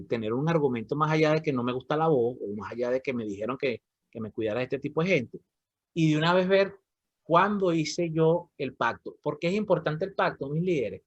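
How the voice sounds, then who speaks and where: A man with a Venezuelan accent leading an online reading club and explaining ideas in a lively way, often asking "¿ok?". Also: fairly high pitch, no room sound. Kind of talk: moderating an online reading discussion. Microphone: video call. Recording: dry, slightly dull call audio.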